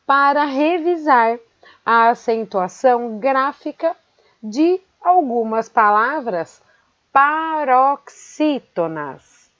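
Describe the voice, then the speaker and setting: A woman teaching a grammar lesson, speaking slowly and carefully and repeating words syllable by syllable. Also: mid-range voice, no echo. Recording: dry, dull lo-fi sound.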